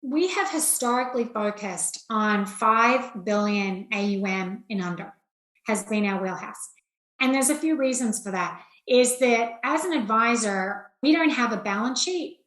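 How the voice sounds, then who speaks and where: Speaking with an Australian accent, this investment banking executive from rural Australia is a middle-aged woman being interviewed, and she talks frankly and simply. Her delivery is expressive and unhurried, with a slightly bright voice on the high side. There's a roomy echo to the recording.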